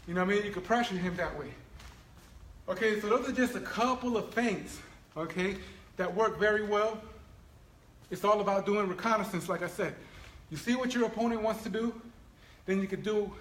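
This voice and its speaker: A high-pitched male martial arts instructor walks through feints and footwork, keeping up an animated coaching patter. His voice bounces around a roomy training space with faint ambient noise behind him. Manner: animated, coaching with frequent "right?" and "all right?". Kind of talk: instructional demonstration. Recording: echoey room with faint ambience.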